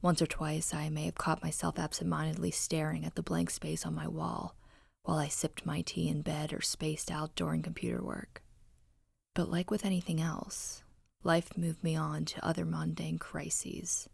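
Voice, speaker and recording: A woman narrating a scary story in the first person with a low, husky, breathy voice and a hushed, haunting delivery. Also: level tone, normal speed, no echo, clean studio sound.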